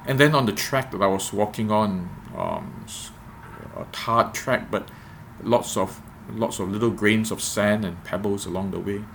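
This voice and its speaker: A man giving a reflective devotional podcast talk as a preacher, measured and repeating phrases for emphasis. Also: on the low side, big pitch swings, gravelly, a bit bright, a little hiss or hum.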